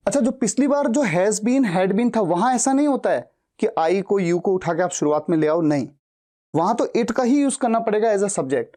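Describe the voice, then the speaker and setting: A man's voice: high-pitched, animated, normal speed, mellow. A man teaching a spoken English lesson who explains step by step and repeats example sentences.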